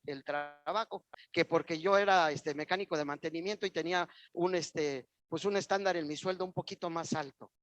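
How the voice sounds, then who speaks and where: High-voiced Mexican pastor preaching. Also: male voice, a bit bright. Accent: Mexican Spanish. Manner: emphatic, repetitive, addresses the congregation directly. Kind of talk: sermon with personal testimony. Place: church.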